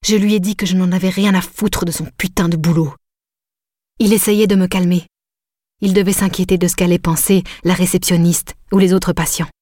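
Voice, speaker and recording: Low-voiced woman narrating a novel. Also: fairly even intonation, normal speed, warm tone, no room sound, studio quality. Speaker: audiobook narrator. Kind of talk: first-person novel narration.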